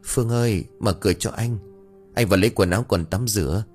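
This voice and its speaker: A man's voice: on the low side, fairly quick, darkish tone, soft background music, natural voice. A man voicing a worried young husband who calls out and pleads in an anxious, raised voice. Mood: anxious pleading.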